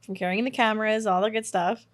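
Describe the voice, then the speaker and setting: A woman's voice: mid-range voice, fast. A woman in her twenties co-hosting a podcast, chatting casually and telling stories with easy laughs. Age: 20s. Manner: animated storyteller, laughs easily. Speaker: podcast co-host. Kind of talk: casual chat.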